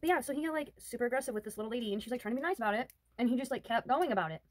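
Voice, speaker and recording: A woman's voice: a little high, animated, very fast. A young woman vlogger telling a story in a chatty, giggly way. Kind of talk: casual chat.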